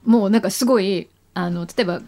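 A woman's voice: medium pitch, quick pace, mellow. A woman hosting a radio show, chatting casually and teasing with lots of laughter. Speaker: radio host. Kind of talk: casual studio chat.

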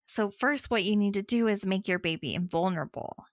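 A woman's voice: medium pitch, a little fast, no room sound, natural voice. Old sea god dad, kinda condescending, a woman doing him, dry close voice. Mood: lecturing. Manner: dismissive, matter-of-fact.

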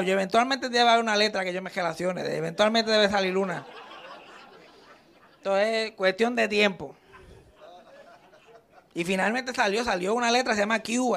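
A young man on stage at a live comedy show speaks fairly quickly in a high, creaky voice. His stand-up consists of crude, animated stories, and he performs the quoted lines as he goes.

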